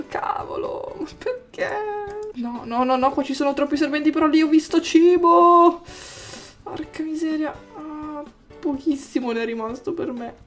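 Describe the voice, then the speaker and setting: Excitable high-voiced woman gamer. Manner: excitable, exclaiming and teasing opponents. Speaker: gaming YouTuber. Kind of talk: gameplay commentary.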